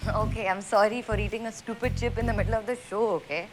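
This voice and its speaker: A woman's voice: medium pitch, steady tone, quick pace, music in the background, lightly acted. An actress playing a young woman who defends herself in a quarrel with her boyfriend, in Indian English mixed with Hindi. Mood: irritated. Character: young woman, defensive girlfriend named Meera. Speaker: girlfriend arguing with partner. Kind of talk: web series dialogue.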